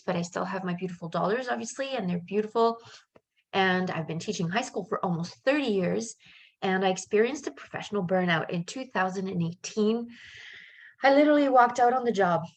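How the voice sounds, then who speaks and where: In a mid-range voice, a life coach hosts a relaxed live webinar, upbeat and chatty, sprinkling in plenty of fillers and side remarks. She is middle-aged, Canadian-born and French-raised.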